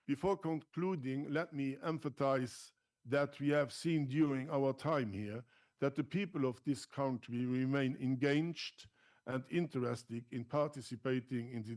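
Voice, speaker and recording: A man speaking as an election observation mission official, delivering a formal prepared press conference statement in a deliberate, read-out manner. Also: medium pitch, a little mellow.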